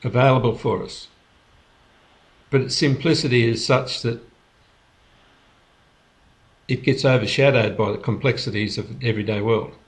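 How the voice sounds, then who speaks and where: Unhurried man talking over a video call. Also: mid-range voice, steady tone. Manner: unhurried, halting, with many restarts and soft laughs. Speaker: host of a spiritual gathering. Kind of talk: casual reflective talk on a video call.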